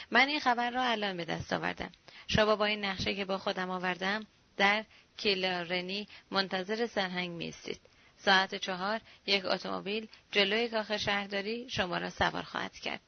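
A woman's voice: medium pitch, creaky, muffled recording, close to an everyday voice. A woman reading as a curt, commanding male agent. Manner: curt, authoritative. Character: commanding male rebel agent, cool, self-assured.

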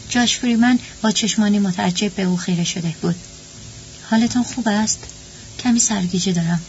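A woman narrating a story at a steady, even pace. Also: medium pitch. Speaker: audiobook narrator. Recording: dull lo-fi with faint hum.

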